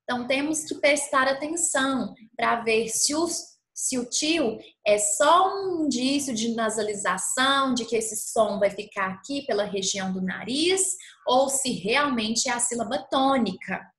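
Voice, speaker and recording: A woman's voice: fairly high pitch, fairly bright tone. A woman teacher giving a lesson, drawing out example words and checking in with her pupils. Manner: slow, didactic, stretches out example words, frequent "tá bom?" check-ins. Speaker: schoolteacher. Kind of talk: recorded classroom lesson. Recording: echoey room.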